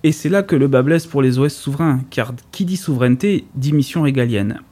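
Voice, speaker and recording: Male columnist, talk radio, dry ironic reading, prepared segment, speaks at an even, moderate pitch. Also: fairly quick.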